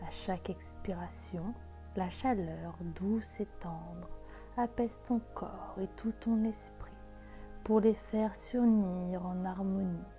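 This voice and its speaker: A woman guiding a relaxation meditation in a soft, hushed, intimate voice, as if speaking right in your ear. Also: mid-range voice, takes it slowly. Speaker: sophrology guide. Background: music.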